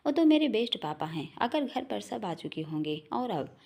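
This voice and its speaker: A woman reading the lines of a quiet, hesitant young woman in a storybook reading. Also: mid-range voice, sing-song, normal speed, vocal fry. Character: worried shy young woman.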